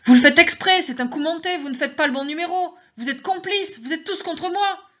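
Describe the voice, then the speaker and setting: A woman's voice: brisk, dull audio. A woman reading her story aloud, voicing a terrified young mother who screams and pleads that she is not mad. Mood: frantic screaming. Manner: screaming and pleading, high and shrill. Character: terrified young mother, frantic, accused of madness.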